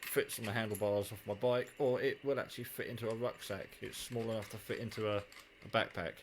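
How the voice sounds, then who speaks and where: His voice is lowish, brisk and fairly even in intonation as he casually walks through his hobby kit, muttering to himself mid-task. Recorded on a handheld camera, the clip has clear background noise and handling clicks.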